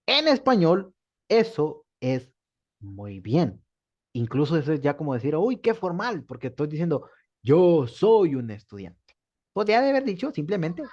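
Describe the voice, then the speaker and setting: A man teaching a beginner English class, explaining patiently and repeating examples slowly. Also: on the high side, a little mellow. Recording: dull lo-fi sound.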